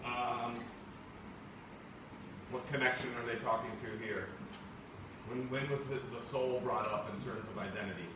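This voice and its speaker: A man's voice: medium pitch, steady tone, normal speed, pauses often. A male teacher leading a classroom book discussion in a conversational way, often checking in with "right?". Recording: echoey classroom, far from mic, room noise.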